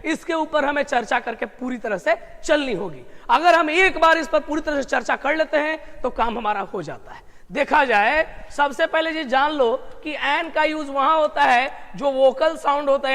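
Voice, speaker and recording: A man teaching English grammar online. He drills his students with repeated questions, slows down to stress key terms and breaks into emphatic bursts. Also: very high-pitched, long reverb tail. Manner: lively with sudden emphatic outbursts.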